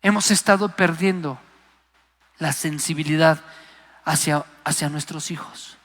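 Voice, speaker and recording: A man's voice: a little high, measured pace, a bit bright. A man preaching a Pentecostal sermon, passionate and emphatic, acting out the voices he quotes. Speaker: guest preacher. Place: live church service. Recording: long hall reverb.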